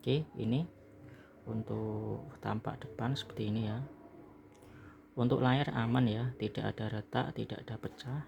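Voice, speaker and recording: An Indonesian man works as an online seller, narrating the packing and review of a product in a casual, explanatory way and repeatedly tagging "ya" onto his phrases. Recorded indoors in a small room, his creaky mid-range voice is steady and a little slow, with long pauses, lo-fi sound, and a noisy background.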